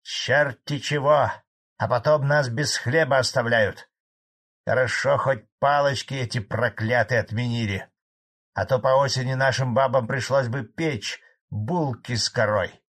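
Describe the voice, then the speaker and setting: A man voicing an angry, blunt old male Soviet cattle farmer in an audiobook, gruff and indignant. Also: mid-range voice, unhurried, fairly bright tone.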